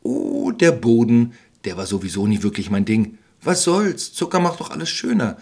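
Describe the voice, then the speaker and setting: A man's voice: medium pitch, sing-song, normal speed, creaky, darkish tone. Man doing a coaxing fairy-tale witch. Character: scheming fairy-tale witch, older woman.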